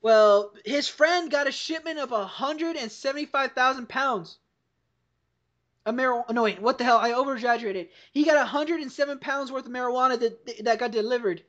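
High-voiced young woman rambling over a dull call. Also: normal speed, fairly bright tone. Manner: rambling, profane storytelling with frequent laughs. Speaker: podcast host. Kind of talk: casual chat over a voice call. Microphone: voice call headset or computer mic.

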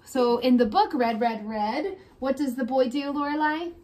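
This woman, in her thirties, reads aloud to young children in a casual lesson, offering encouragement and questions to prompt them. She has a high voice, a little mellow, at a moderate pace. The recording comes from a small room at home with noisy ambience.

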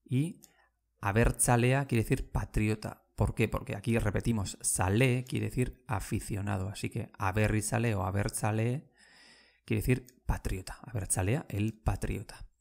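A lowish, gravelly voice with a darkish tone and fairly even intonation guides a casual Basque lesson. The teacher patiently and slowly explains words, repeating them and checking in with "¿vale?" again and again.

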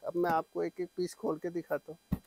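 A middle-aged man giving an eager teleshopping-style sales pitch, full of repeated assurances, as he presents products on a lapel mic. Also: completely flat delivery, moderate pace, creaky, darkish tone, dry recording, poor audio. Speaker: saree shop seller and presenter. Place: small saree shop, indoors. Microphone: clip-on lapel mic.

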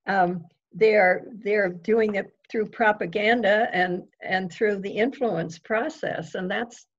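An older woman with a breathy, husky voice, eager and reminiscing as an interview guest. Her audio sounds muffled and lo-fi. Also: mid-range voice, steady tone. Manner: eager, reminiscing, quick to agree. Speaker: guest author. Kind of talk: conversational interview.

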